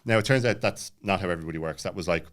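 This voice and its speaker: Talking rapid-fire in a low, fairly bright voice, this late-thirties man shares a personal story as a podcast guest. His telling is casual and rambling, full of fillers, and it hops from point to point.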